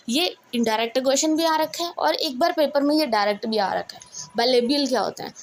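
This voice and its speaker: A woman's voice: on the high side, a little mellow, a little hiss or hum. A woman teaching an English revision lesson with an Indian English accent, mixing English terms into her explanations and often checking with "right?". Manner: mixes English terms into explanations, repeats "theek hai ji" and "right?". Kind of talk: exam revision lecture.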